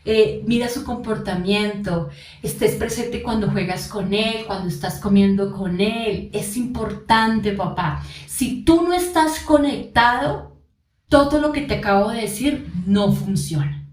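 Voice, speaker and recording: A woman's voice: mid-range voice, measured pace. A woman giving parenting advice in a podcast monologue. She speaks earnestly and straight to parents, and she repeats her key points. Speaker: parenting coach. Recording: echoey room, distant mic.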